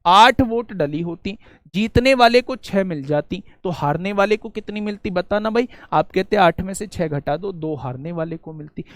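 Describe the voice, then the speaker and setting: A man teaching an exam-prep maths lesson in a lively, coaxing way, asking his students questions and answering them himself. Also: high voice, no room sound. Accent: Hindi.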